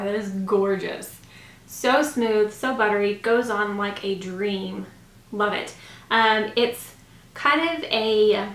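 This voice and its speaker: A woman in her thirties reviews makeup in a casual, gushing chat to camera, her voice slightly scratchy. The mid-range, fairly bright voice echoes around the small home room where she films.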